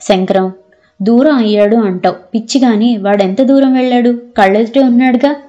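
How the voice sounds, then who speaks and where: A woman narrator voicing an elderly man who gently consoles his old friend. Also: a little high, moderate pace, lo-fi sound, natural voice. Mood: consoling.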